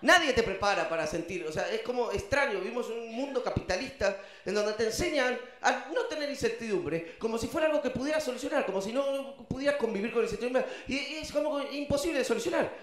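A man's voice: very high-pitched, fast talker, hardly any pauses, roomy sound. A man with a Rioplatense Spanish accent doing a stand-up routine, telling stories and acting out voices. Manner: animated storytelling, acts out voices. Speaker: stand-up comedian.

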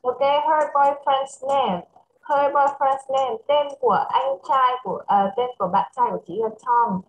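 A woman's voice: high-pitched, steady tone, a little hiss or hum, low-quality recording. Vietnamese woman teaching English online. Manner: mixes English and Vietnamese, slow careful English. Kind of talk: online English lesson for a child.

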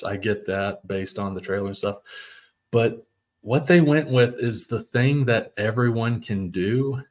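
Guy rambling on a podcast, hunting for words, average pitch. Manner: meandering, searching for words. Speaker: podcast co-host. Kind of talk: casual chat.

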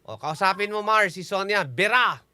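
A man's voice: sits high, lively intonation, moderate pace, bright, forceful tone, smooth, dry recording, studio quality. A man hosting a call-in radio show, teasing callers and laughing often. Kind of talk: playful call-in radio banter. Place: radio studio.

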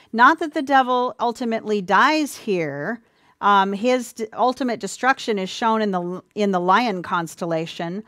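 A woman giving an earnest, sermon-style Bible teaching, speaking warmly to listeners as dear ones, with a few ums and restarts. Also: medium pitch, no echo, clean studio sound. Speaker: presenter of a church teaching.

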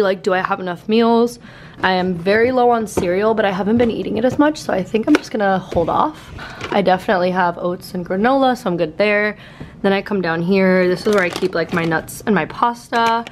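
With a mid-range voice and a brisk pace, a twentysomething vlogger talks casually to camera at home, moving through her apartment bedroom and kitchen. She sounds upbeat and thinks aloud, though her voice is still recovering from illness, and there is a little hiss or hum in the recording.

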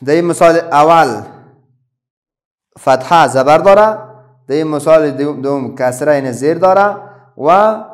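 A children's reading lesson is taught by a middle-aged man with an Afghan Dari accent and a voice on the high side. He keeps asking questions with patience and responding to them himself.

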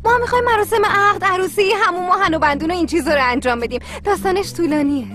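A woman's voice: very high-pitched, fairly bright tone. A woman dubbing an eager, bubbly young bride.

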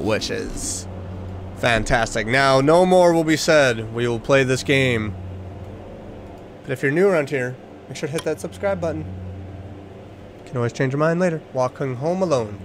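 Young male gamer, fairly high voice, jokey and jumpy horror let's play commentary, faint hiss behind. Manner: jokey, jumpy, exclaims when startled. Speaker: gaming YouTuber.

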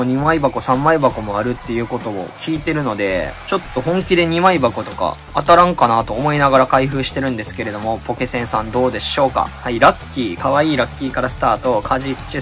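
A man with a Kansai accent chatting casually as he opens card packs, reading out each card and crying out in excitement at good pulls. His voice has been a little out of shape lately. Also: mid-range voice, fast, few pauses, soft background music. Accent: Kansai Japanese. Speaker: channel host. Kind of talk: casual card-pack opening commentary.

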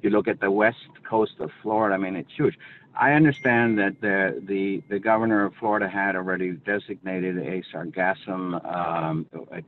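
A man's voice: low-pitched, steady tone, normal speed. An older man speaking over the phone in an unscripted webinar discussion, explaining at length with many restarts. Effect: heard over the phone. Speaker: industry representative in a webinar. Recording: tinny phone line, faint noise.

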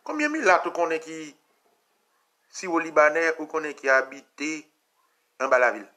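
A man with a Haitian accent giving an impassioned political talk, repeating phrases and sometimes shouting. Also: fairly high pitch, sing-song, normal speed. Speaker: commentator.

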